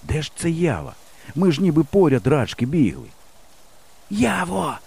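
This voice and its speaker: A man reading a children's adventure book aloud in first person, with a lively, expressive, playful delivery. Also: a little high, a little fast, husky. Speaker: audiobook narrator. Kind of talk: first-person storybook narration.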